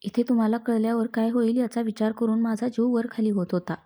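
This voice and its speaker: A woman's voice: a little high, level tone, brisk, warm tone, close to an everyday voice. A woman reading the lines of an anxious, affectionate young wife in a storybook, worried and pleading.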